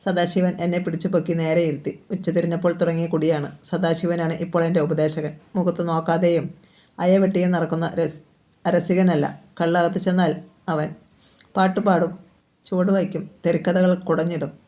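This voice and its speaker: A woman reading a novel aloud in a steady, expressive narration. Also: lowish voice, normal speed. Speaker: audiobook reader.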